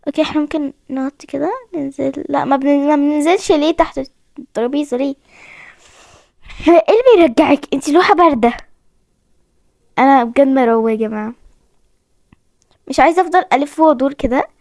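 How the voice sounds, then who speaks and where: A high-pitched, gravelly, darkish voice belongs to a young woman who talks fast but leaves long pauses. She hosts casual horror-game commentary in an Egyptian Arabic accent, chatting with viewers and often sounding frightened. The recording is dry and studio quality.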